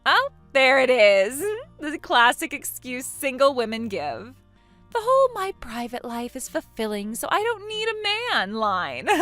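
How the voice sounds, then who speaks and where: A woman's voice: fairly high pitch, a bit bright. A smug, mocking younger sister, played by a woman. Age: 20s. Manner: mocking, laughs at others. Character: smug, spiteful younger sister in her twenties. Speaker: character in a voiced text story. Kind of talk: voice acting for a text-message story.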